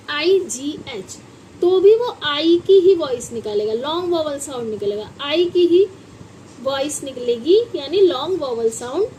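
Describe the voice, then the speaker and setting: A woman's voice: high-pitched, darkish tone, slight background noise, low-quality recording. A woman teaching a phonics lesson to children, spelling words out letter by letter and asking them questions. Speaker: English teacher.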